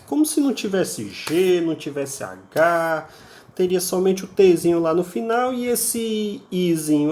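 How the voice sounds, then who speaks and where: A man with a Brazilian Portuguese accent teaching an English class, explaining patiently and repeating words over and over to drill pronunciation, often ending phrases with a checking tag. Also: sits high. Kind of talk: recorded online English class.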